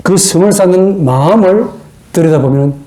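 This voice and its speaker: Earnest male theology lecturer, mellow voice. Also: high voice, moderate pace, slight background noise. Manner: rhetorical questions to listeners; earnest, preacherly emphasis.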